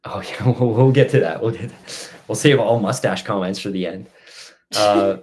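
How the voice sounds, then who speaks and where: Low-voiced man rambling through a casual live chat. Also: moderate pace, darkish tone, slight background noise. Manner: rambling, stop-start explanations. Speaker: outdoor vlogger hosting a live Q&A. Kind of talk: casual live-stream chat, reading out and answering questions.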